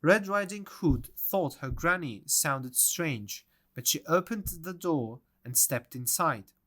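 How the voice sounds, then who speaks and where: Slow man reading a storybook. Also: a little high, lively intonation, fairly bright tone. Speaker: narrator. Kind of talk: storybook read-aloud.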